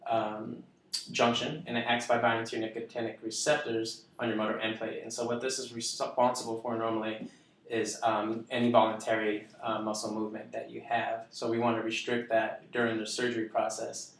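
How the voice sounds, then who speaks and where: Echoey, distant man playing a halting clinician. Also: mid-range voice, monotone, natural voice. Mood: calm, explanatory. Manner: hesitant, stumbling over technical terms. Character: calm male clinician explaining anesthesia to a patient. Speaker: clinician in a student case-study skit. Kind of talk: halting explanatory role-play. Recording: echoey room, distant mic.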